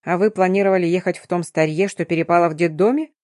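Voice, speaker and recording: A woman's voice: on the low side, fairly even intonation, fast, a little mellow, no echo, studio quality, close to an everyday voice. A woman reading the lines of a stern, domineering and sly male curator in an audiobook, with a curt, commanding manner. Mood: stern, mocking. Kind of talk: audiobook narration.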